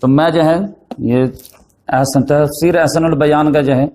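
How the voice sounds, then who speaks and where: A man's voice: a little high, steady tone, a little mellow, slight background noise. A man giving a religious lecture in storytelling form, sprinkling in English words and growing emphatic when he voices the people in his story. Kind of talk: Urdu religious lecture on the Prophet's life.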